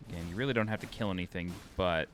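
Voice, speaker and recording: A man's voice: low voice, rapid-fire, fairly bright tone, soft background music. A tired man with a New York accent giving chatty, self-deprecating walkthrough commentary over a video game, thinking aloud as he plays. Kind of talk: casual gameplay commentary.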